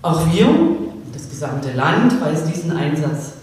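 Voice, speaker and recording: A woman's voice: deep voice, animated, measured pace, darkish tone, a little hiss or hum. A woman minister giving a formal ceremonial address, with a few small repetitions. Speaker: government minister. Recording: echoey hall from far off.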